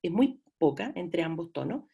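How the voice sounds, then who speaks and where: A woman with a Chilean accent gives a lecture in a friendly, conversational way. Her voice sits a touch low for a woman. She is middle-aged and fills her explanations with small hesitations and asides to her students. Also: sing-song, normal speed, vocal fry, mellow, husky. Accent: Chilean Spanish. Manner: chatty, addresses students as "chiquillos", frequent fillers. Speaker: lecturer in audiology. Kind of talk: online class lecture.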